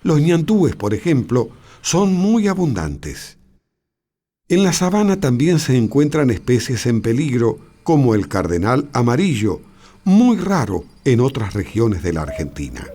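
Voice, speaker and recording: A man narrating a scripted nature documentary in a measured, explanatory way. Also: medium pitch, very animated, warm tone. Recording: music behind the voice. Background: background music.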